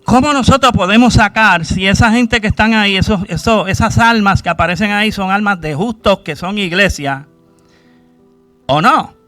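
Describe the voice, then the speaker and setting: A man's voice: sits high, normal speed, fairly bright tone, dry recording, faint music behind. A man preaching a sermon, questioning his congregation and acting out cries to God. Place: church.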